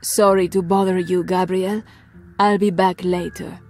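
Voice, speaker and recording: A woman's voice: fairly low pitch, little pitch movement, moderate pace, a little mellow, soft background music, natural voice. A woman voicing a bold, determined female spy in an adventure game, with a poised, theatrical delivery. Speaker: game heroine.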